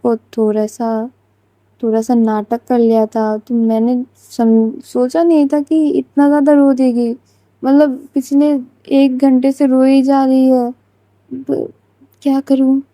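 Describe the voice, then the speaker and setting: A woman voicing a young woman who talks softly and hesitantly, pleading and a little sheepish. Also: sits high, level tone, slow, no echo. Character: young woman, playful then guilty.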